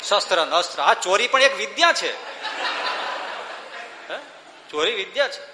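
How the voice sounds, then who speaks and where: A man's voice: sits high, expressive, moderate pace, sharp tone, roomy sound, big-room sound, a little hiss or hum. A man giving a devotional discourse, speaking emphatically with rhetorical questions and breaking into sung verses.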